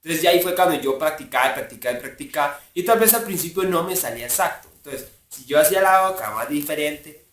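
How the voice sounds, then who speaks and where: A man's voice: fairly high pitch, animated, fast talker, a bit bright. A man, a voice impressionist, casually explaining his imitation techniques in a rambling way, full of filler words. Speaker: voice impressionist and fandub creator. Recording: echoey room, mic far off, faint hiss.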